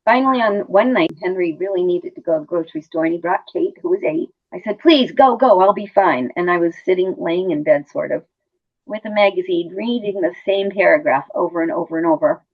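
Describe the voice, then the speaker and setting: Low-voiced middle-aged woman on a phone-like line. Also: fairly quick. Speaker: hospice nurse interview guest. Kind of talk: conversational personal storytelling.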